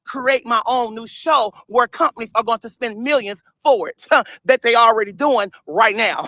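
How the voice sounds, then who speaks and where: Very high, pushed and bright, with no room sound: that's the voice of this thirtysomething St. Louis man. A social media personality with a speech impediment, he rants in a casual livestream-style vlog, emphatic and repetitive, laughing frequently as he goes.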